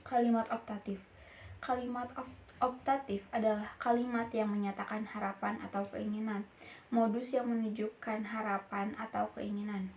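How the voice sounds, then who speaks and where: A young woman reads her course material aloud like a student presentation, keeping a steady, middle pitch. She sometimes trips over a long word and starts it again. A faint noise sits behind her voice. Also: normal speed. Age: young adult. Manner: reads steadily from notes, with small slips and restarts.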